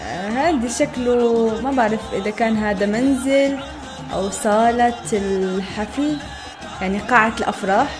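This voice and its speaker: A woman's voice: a little high, moderate pace, over music. A young woman from Morocco giving casual reaction commentary, chatty, often laughing and exclaiming in wonder. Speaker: reaction video host.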